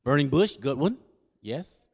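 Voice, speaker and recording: A man preaching a sermon, quizzing his congregation and building up to loud exhortation. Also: medium pitch, unhurried, creaky, breathy edge. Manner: call-and-response with the congregation; animated, rising to loud exhortation. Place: church service.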